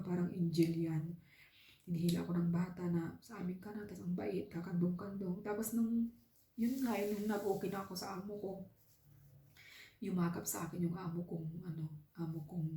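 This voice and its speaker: A woman's voice: on the low side, little pitch movement, normal speed, pauses often, mellow, echoey room. A woman from the Philippines working abroad as a domestic helper, earnestly telling her own story in a casual vlog and often speaking straight to her viewers. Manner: earnest, heartfelt, often addresses viewers as "guys".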